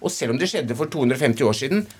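Male author, Oslo accent, mid-pitched voice. Effusive interview talk, emphatic, restarts phrases as he goes. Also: lively intonation, darkish tone, husky. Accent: Oslo Norwegian. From Oslo west, Norway. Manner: emphatic, effusive, with swearing and halting repetitions. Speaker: novelist being interviewed. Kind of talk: animated conversational interview.

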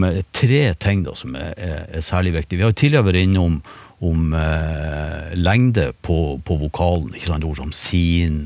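A low-pitched man talks in a dry, close studio sound, explaining step by step as a radio panel expert. He takes his time, fills gaps with hesitations and restarts half-finished phrases. The delivery is patient and conversational. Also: darkish tone, no echo. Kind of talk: explaining on a radio talk show.

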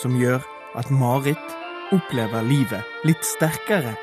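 Man as calm documentary narrator, mid voice, music bed underneath. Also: mid-range voice, lightly acted. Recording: music playing behind.

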